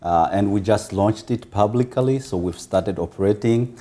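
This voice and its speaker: A man from Congo, the guest of an interview, speaking in a measured way with pauses and fillers. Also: on the low side, dark tone. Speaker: interview guest, foundation founder. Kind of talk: casual interview talk.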